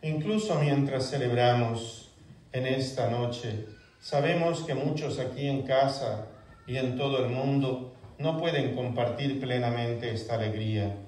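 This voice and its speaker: A man, a priest, leading Mass prayers with measured liturgical recitation in a church sanctuary. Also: medium pitch, a little mellow. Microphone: far camera. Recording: echoey church from far off, congregation audible.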